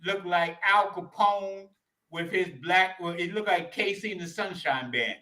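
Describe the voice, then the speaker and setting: Brief: male sports-talk co-host, bright and sharp voice, slangy, cuts in a lot. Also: sits high. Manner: quick, slangy, talks over his co-host. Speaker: podcast co-host. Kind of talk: casual sports chat.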